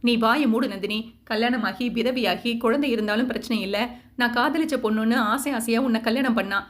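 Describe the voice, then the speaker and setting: A woman voicing a furious, grieving middle-aged mother who scolds loudly. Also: fairly high pitch, a little fast, natural voice. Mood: bitter. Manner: scolding, shouting.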